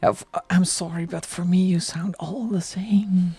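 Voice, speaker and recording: A middle-aged Dutch woman with a Dutch accent hosts a livestream, chatting casually and laughing often as she colours. Her fairly low voice is steady, mellow and husky, a little slow, with no room sound.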